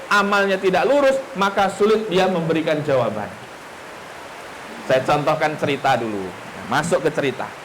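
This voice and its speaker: A man with a high-pitched, fairly bright voice preaches a storytelling sermon, addressing his listeners directly, asking rhetorical questions and repeating key phrases. The recording is low quality with slight background noise.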